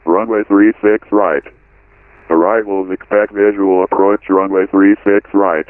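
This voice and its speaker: Deep synthetic male airport weather broadcast. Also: a little slow, clean tone, no echo, narrow, tinny audio. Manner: even, clipped, text-to-speech delivery. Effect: automated airport weather broadcast. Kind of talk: looping automated weather and runway readout.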